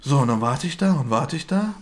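A man tells a story in a casual chat with his partner. He is animated and acts out the voices of the people in his story. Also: medium pitch, fairly quick. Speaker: partner telling a birth story.

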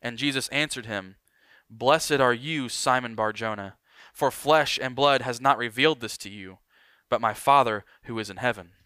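A man preaching a sermon as pastor, emphatic and building, then dropping to quiet lines for weight. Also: mid-range voice, normal speed, clear, resonant tone, dry recording, clean studio sound.

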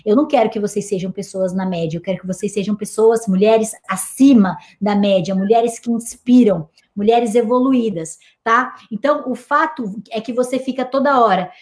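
A young woman, hosting a live stream as a weight-loss coach and talking in an emphatic, energetic way. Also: medium pitch, normal speed, few pauses. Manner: emphatic, self-described energetic, scolding but affectionate. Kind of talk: energetic motivational live chat.

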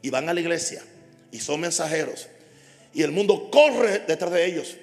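A man preaching a sermon as pastor, impassioned and repetitive, building up to shouts. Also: a little high, expressive, normal speed, in a large hall, faint music behind. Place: church hall.

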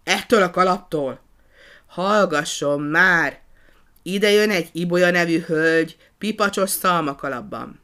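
Narrator putting on a bossy male gardener, worked up and shouting, voice pushed higher and louder than the telling around him. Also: clear, resonant tone, natural voice. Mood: exasperated. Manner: excited, fussy, often shouting.

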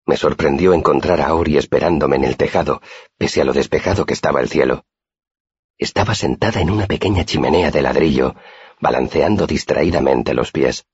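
A man narrates a first-person story in a steady, measured way. His voice is deep and very husky. The recording is dry and dull. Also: dry recording. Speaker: audiobook narrator. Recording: dull, muffled audiobook recording.

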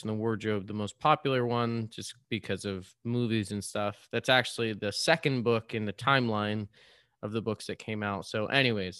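A man's voice: lowish voice, pushed and bright, clean tone, dry recording, studio quality. A man who is a pastor, casually retelling and reading from a story in a conversational way with fillers and asides.

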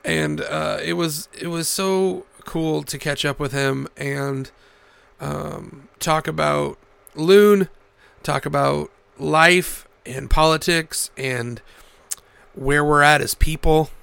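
Gravelly-voiced man, hoarse with a cold. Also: on the high side, fairly bright tone, dry recording. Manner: halting, profane, candid. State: hoarse from the back half of a cold. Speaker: podcast host. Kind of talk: casual podcast talk.

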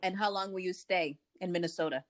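A woman's voice: fairly low pitch, fast talker. A woman conducting a conversational interview, asking plain questions and follow-ups in an inquisitive way.

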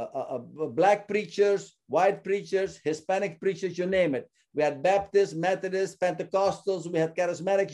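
Male guest from Suriname, earnest and halting, fairly high, warm tone. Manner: earnest, often repeats words while searching for them. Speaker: ministry founder, guest. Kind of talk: casual interview talk.

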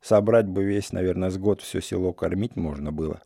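A man voicing a calm, gruff old village grandfather who scolds in a blunt, unhurried way. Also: low-pitched, no room sound, studio quality. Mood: gruff, scolding.

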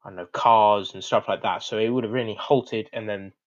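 A man's voice: fairly low pitch, steady tone, brisk. A young British man from Britain co-hosting a casual history podcast, rambling loosely and swearing now and then. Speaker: co-host. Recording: slightly dull lo-fi audio.

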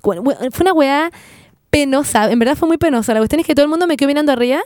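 A young Chilean woman telling a story in casual chat, animated and full of slang and swearing. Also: sits high, rapid-fire, no echo, clean studio sound.

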